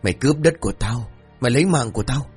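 A man's voice: mid-range voice, animated, fast, a little mellow, breathy edge, long reverb tail, faint music behind, pitched above the performer's own voice. A man voicing a vengeful female ghost who hisses menacing threats. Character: vengeful female ghost, long-haired, bloody.

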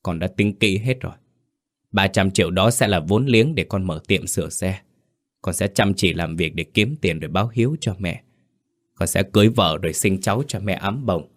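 A cold, scheming young man, voiced by a male storyteller. His deep voice turns curt and quick as bitterness spills out. It is a defiant villain in a spoken ghost story.

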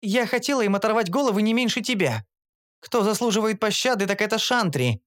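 A young female gnome with a very high, eager voice, as a male reader puts her on. She sounds earnest and anxious, and her pitch bounces around. This is an audiobook character voice. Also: animated, fairly quick, fairly bright tone. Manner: eager, pleading.

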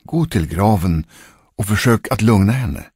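A man voicing a stern, wealthy gentleman who orders his servants about, in a spoken ghost story. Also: on the low side, animated, husky, no echo, clean studio sound. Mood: commanding. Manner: curt, commanding. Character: stern rich gentleman, master of the house.

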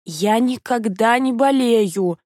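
Woman as a feverish, stubborn young woman, hoarse, indignant; audiobook. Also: medium pitch, lively intonation, moderate pace, no echo, clean studio sound, close to an everyday voice.

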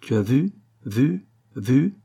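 A man's voice: medium pitch, very animated, takes it slowly, creaky, warm tone, slightly rough, exaggerated voice. A man voicing a menacing male tsar who speaks in terse, threatening phrases in a storybook reading. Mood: imperious.

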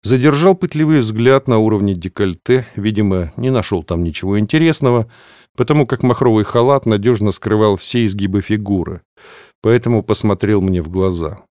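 A man narrating an audiobook in a steady, measured way. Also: fairly low pitch, no echo, clean studio sound.

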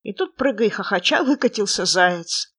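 A woman narrating a children's fairy tale with expressive, lively storytelling. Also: mid-range voice, moderate pace.

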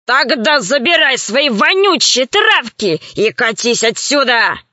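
Lady doing a bragging pirate chief, gruff and slow, dull muffled audio. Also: sits high, very animated, pushed and bright, no echo, heavily acted. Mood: threatening. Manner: gruff, bragging, drawn-out threats. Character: brutish boastful male pirate chief. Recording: slightly dull, dry recording.

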